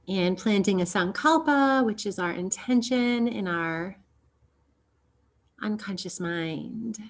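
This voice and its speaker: Guiding a yoga nidra session, a female teacher talks listeners into relaxation slowly and softly, leaving long silences between phrases. She speaks at a medium pitch.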